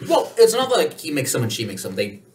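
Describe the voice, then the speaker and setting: Male game master, animated pitch, a bit far from the mic, faint noise behind. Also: a crowd in the background. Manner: loose, halting delivery with fillers. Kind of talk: narrating a tabletop game.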